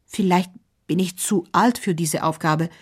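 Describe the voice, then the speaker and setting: A woman's voice: on the low side, a little slow, slightly rough. A woman doing a weary old gatekeeper. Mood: worried. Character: old male gatekeeper, weary, doubting himself.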